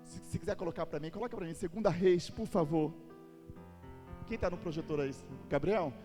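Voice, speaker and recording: A man's voice: on the high side, moderate pace, warm tone. A Brazilian man preaching a sermon, telling a Bible story and having the congregation repeat phrases. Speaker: pastor. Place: church sanctuary. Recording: reverberant church hall with music.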